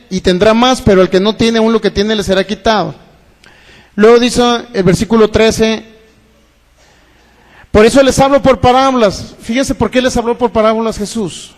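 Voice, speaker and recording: High-voiced pastor preaching in a hall. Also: male voice. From Mexico. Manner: preaching with rhetorical questions to the congregation. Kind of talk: sermon. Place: church hall. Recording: long hall reverb.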